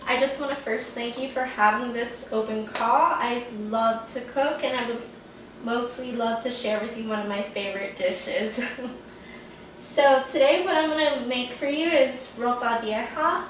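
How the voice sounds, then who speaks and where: A cooking show contestant in her twenties from Miami chats through a demo, bubbly and giggly, drawing out each word a little slowly in a slightly high voice. A distant mic picks her up in an echoey home kitchen with clear noise behind her.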